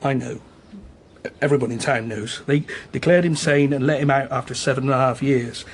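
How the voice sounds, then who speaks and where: An actor in a radio crime drama plays a candid, chatty small-town police chief, speaking in a medium-pitched, steady voice at a moderate pace that sounds close to everyday speech. His naturalistic dialogue is conversational and slightly hesitant, earnest and confiding in mood. Slight background noise can be heard.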